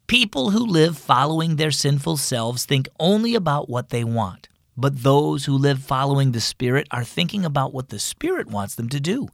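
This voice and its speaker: A man hosting a children's devotional program, reading scripted stories in an animated storyteller manner. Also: mid-range voice, vocal fry, no echo, studio quality. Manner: animated storyteller voicing characters. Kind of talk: scripted storybook narration for kids.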